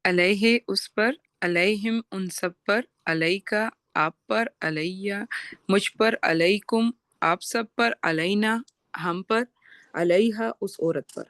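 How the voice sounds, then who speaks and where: A woman's voice: medium pitch, a bit bright, no echo. A woman student reciting a word list carefully on a video call.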